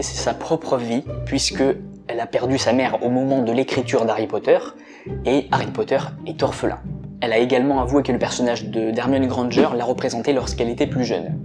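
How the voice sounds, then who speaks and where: A male host narrates an explainer video in a relaxed, chatty way, at a middle pitch. Music plays clearly behind his voice.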